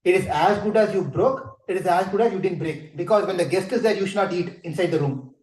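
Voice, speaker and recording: A man giving a spiritual talk, retelling scripture stories in a lively way and joking with his listeners. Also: high voice, brisk, echoey room, low-quality recording. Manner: lively, acts out the stories, jokes with the audience. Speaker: spiritual speaker.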